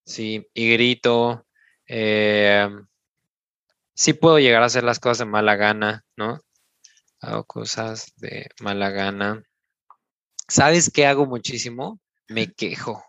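A Mexican-accented podcast coach guides listeners step by step through an exercise in instructive podcast talk, often ending sentences with a questioning "¿no?". His voice is on the low side, slow, with vocal fry and long pauses, a bit bright, clear and resonant. There's no echo, though the recording sounds muffled.

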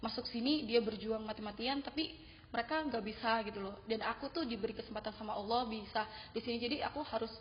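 A young woman, a university student, telling her story casually in an interview, with lively acted quotes. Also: fairly high pitch, fast talker. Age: young adult. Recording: dull sound with long reverb and faint noise.

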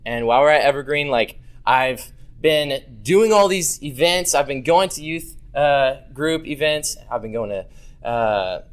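A man's voice: mid-range voice, animated, measured pace. A young man telling his personal faith testimony in a casual way, full of fillers and acting out bits of dialogue from his childhood. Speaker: youth ministry volunteer.

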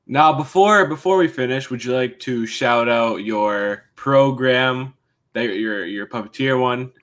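A man's voice: medium pitch, a little slow, fairly bright tone. A man hosting a casual interview, friendly and informal. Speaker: interviewer host.

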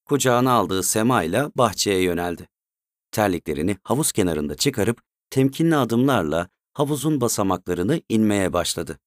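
A male storyteller reads a written story in a steady, measured way. His voice sits low. The recording is dry and close, with no room echo. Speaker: narrator. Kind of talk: scripted story narration.

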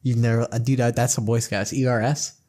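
Rambling deadpan podcast co-host, man. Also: medium pitch, brisk. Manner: rambling, filler-heavy, deadpan jokes. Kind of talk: casual comedic chat.

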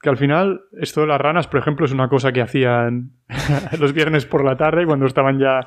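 A man's voice: medium pitch, a little fast. A man from Spain co-hosting a podcast in casual chat, explaining things with hesitant restarts. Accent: Spain Spanish. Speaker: podcast co-host.

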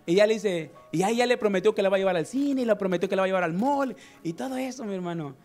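A man preaching a lively sermon, acting out everyday scenes and calling his listeners brother. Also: high voice, fast, soft background music.

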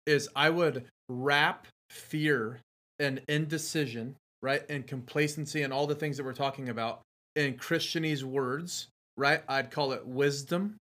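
A man's voice: mid-range voice, fairly even intonation, unhurried, fairly bright tone. A man, a guest on a faith talk show, speaking earnestly and encouragingly, often ending with "right?". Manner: earnest, encouraging, fond of tag questions.

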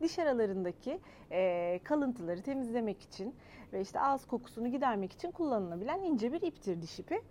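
A woman with a high voice reads a children's story aloud, expressive and gentle. She speaks straight to young listeners, and a long hall reverb lingers after her words. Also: a little fast, slight background noise.

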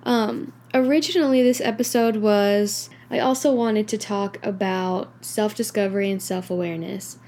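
A woman's voice: a little high, mellow. A young woman hosting her own podcast, talking candidly in a rambling way, full of fillers, tired and yawning late at night. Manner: candid, rambling, heavy use of filler like and you know. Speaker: podcast host. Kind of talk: casual solo podcast monologue.

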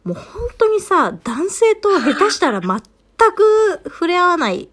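Woman, 30s, podcast co-host; animated, lively, laughing storyteller. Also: very high voice, unhurried. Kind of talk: casual chat.

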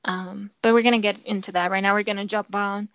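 A podcast host chats casually, explaining at length with many fillers and restarts. Her mid-range voice is clean-toned, fairly quick, and shows little pitch movement. The audio is dull, with no room sound.

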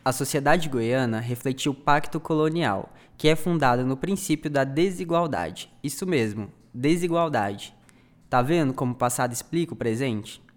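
A man narrating a history podcast from a script, clear and didactic, addressing the listener directly. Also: mid-range voice, moderate pace, hardly any pauses.

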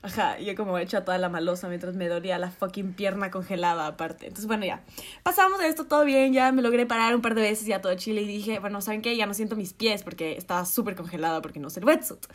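A woman, co-hosting a podcast and telling a story in a lively, laughing way with slang and quoted asides. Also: mid-range voice, fast talker. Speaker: podcast co-host. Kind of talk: casual storytelling chat.

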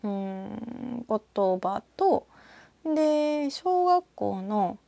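A woman from northern Osaka with a Kansai accent, talking alone in a rambling, reflective way and often trailing off into soft asides. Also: medium pitch, sing-song, drawn-out words, creaky, no room sound. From northern Osaka, Japan. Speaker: podcaster. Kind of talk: casual solo talk with a short reading.

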